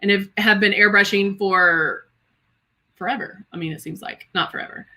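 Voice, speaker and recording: About fifty years old, a woman hosts a live makeup stream, demonstrating products and reading viewer comments aloud in a chatty, exclamatory way, calling her audience "girl" and "guys." Her medium-pitched voice has a sharp tone, fairly even intonation, and a moderate pace.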